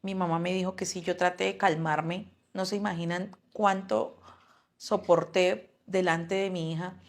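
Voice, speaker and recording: A woman's voice: lowish voice, flat delivery, measured pace. A mother earnestly recounting a personal story, acting out what each person said. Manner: earnest, acts out quoted dialogue. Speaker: mother telling her own story.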